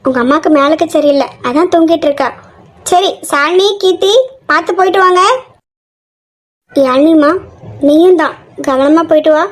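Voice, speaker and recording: A woman's voice: high voice, normal speed, pauses often, pitched below the performer's own voice, close to an everyday voice. A woman putting on a caring older mother. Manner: fussing, motherly.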